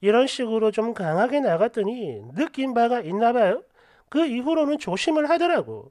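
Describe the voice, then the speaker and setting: A woman narrating online posts and their comments for a story channel, expressive and quick with sharp asides. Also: a little high, no room sound, clean studio sound.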